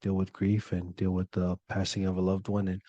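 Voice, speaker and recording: A young Polynesian man co-hosts a podcast in a casual, slangy and earnest way. His voice is low and mellow. It sounds close and dry, with no room echo. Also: monotone, a little fast, dull audio. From Polynesian, living in California. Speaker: podcast co-host.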